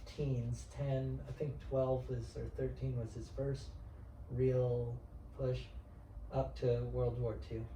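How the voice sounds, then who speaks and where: A man's voice: mid-range voice, level tone, slow pace, dark tone, a little hiss or hum. A man working as an auctioneer, talking casually and at length in an interview, often correcting himself mid-sentence. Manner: chatty, rambling, self-correcting. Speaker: auctioneer and art specialist. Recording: roomy sound from a distant mic.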